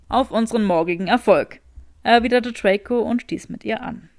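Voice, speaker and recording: A woman narrating a fan fiction audiobook in an expressive storytelling read. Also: medium pitch, no echo, clean studio sound.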